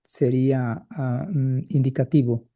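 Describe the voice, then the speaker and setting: A man's voice: medium pitch, fairly even intonation, slow pace, mellow. A male student on a video call, reading and translating hesitantly with many "eh" and "ok" fillers.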